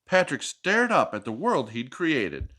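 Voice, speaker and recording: Over a slight hiss or hum, a man with a medium-pitched, sing-song, sharp-toned voice reads unhurriedly. He hosts a children's storytime, giving a picture book an expressive reading with playful asides, asking a child questions and echoing the replies.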